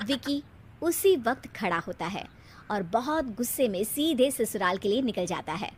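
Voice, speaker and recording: A woman's voice: fairly high pitch, lively intonation, normal speed, slight background noise. A woman narrating a scripted cartoon story.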